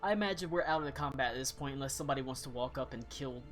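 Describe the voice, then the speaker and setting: A man's voice: medium pitch, rapid-fire, fairly bright tone, soft background music. Casual man running a tabletop game. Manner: casual, many fillers, descriptive narration. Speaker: game master.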